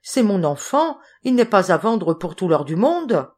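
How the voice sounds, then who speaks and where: A woman's voice: mid-range voice, big pitch swings, a little slow, a little mellow. Firm loving peasant father in a fairy tale, read by a woman narrator. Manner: firm, refusing.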